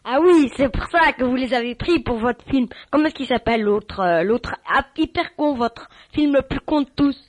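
A woman hosts an improvised mock radio show, exasperated and scolding, swearing freely and tacking "hein" onto her lines. Her voice sits high and sounds close and dry. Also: normal speed, few pauses, no echo, low-quality recording. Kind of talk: improvised comic radio sketch.

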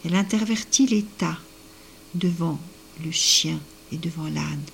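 A woman storyteller reading out a folk tale in a fairly low voice. She often drops into a hushed whisper mid-sentence. There is a faint noise behind her. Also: measured pace, vocal fry.

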